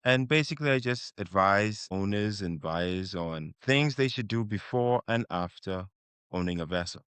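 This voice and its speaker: A man, answering interview questions as a guest surveyor in a measured, plain-spoken way. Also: fairly low pitch, expressive, a bit bright, clear, resonant tone, no echo. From Bahamas.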